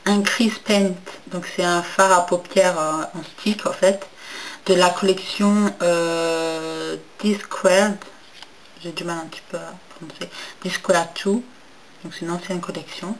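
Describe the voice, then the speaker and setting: A woman's voice: lowish voice, little pitch movement, a little slow, a little hiss or hum, low-quality recording. A young woman chatting casually in a makeup haul video, hesitant with many fillers and restarts, and enthusiastic about packaging. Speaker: beauty vlogger.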